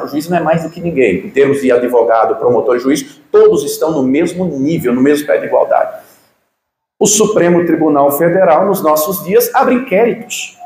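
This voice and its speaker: A man's voice: a little high, darkish tone, reverberant. A man with a Brazilian Portuguese accent preaching a sermon, emphatic and full of rhetorical questions. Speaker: pastor.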